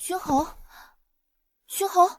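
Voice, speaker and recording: A woman voicing a devoted young healer who talks softly and earnestly. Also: takes it slowly, no room sound, lightly acted. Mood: tender. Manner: soft, earnest and caring.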